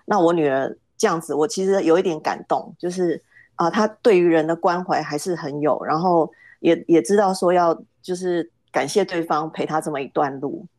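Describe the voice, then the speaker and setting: Low-voiced woman telling a family story. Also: moderate pace, a little mellow, no room sound. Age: middle-aged. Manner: hesitant, repeats words as she starts. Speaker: podcast guest. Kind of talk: casual storytelling.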